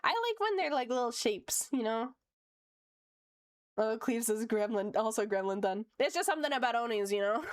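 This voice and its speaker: A woman chats with her stream audience in a relaxed, rambling way, laughing often. Her voice sits a little high and sounds smooth and clear. The sound is dry and close, on a desk mic at home. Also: normal speed, dry recording. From Canada (Ontario). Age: late 20s. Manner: chatty and upbeat, laughs often, lots of fillers. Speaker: streamer and VTuber. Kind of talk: casual chat while drawing on stream. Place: home room.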